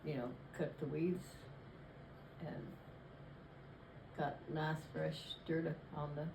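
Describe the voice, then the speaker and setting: A woman's voice: low voice, level tone, takes it slowly, creaky, roomy sound, background noise. An older woman chatting with family, rambling and correcting herself as she recalls things. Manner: rambling, self-correcting storytelling. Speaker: interviewee. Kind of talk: casual family chat.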